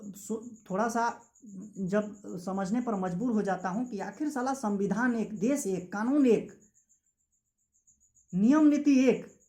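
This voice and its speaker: Delivering a passionate political speech as a student activist, a young man from Jharkhand, India, repeats rhetorical phrases in his Jharkhand Hindi accent. His warm voice is extremely high in pitch.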